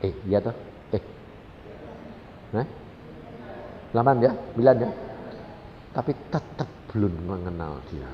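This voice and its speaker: A man in his seventies with a Javanese accent, preaching a testimony sermon as animated storytelling that jumps into high excited tones. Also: measured pace, long pauses, muffled recording. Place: church hall. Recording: echoey hall, faint rumble.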